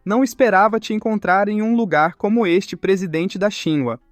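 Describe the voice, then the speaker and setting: A man's voice: high-pitched, normal speed, dry recording, soft background music, close to an everyday voice. A man playing a courteous, formal retired old school director.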